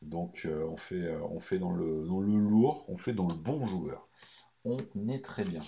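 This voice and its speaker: A hoarse man chatting excitedly through a card pack opening, hesitating often between remarks. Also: sits low, unhurried, a little hiss or hum. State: hoarse, lost voice from shouting. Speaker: card collecting YouTuber. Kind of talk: unboxing commentary. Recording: dull lo-fi recording.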